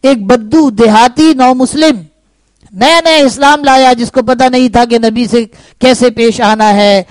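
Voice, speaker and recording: A man's voice: very high-pitched, no room sound, rough recording. A man preaching a sermon, telling stories and asking his listeners rhetorical questions. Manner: animated storytelling with rhetorical questions.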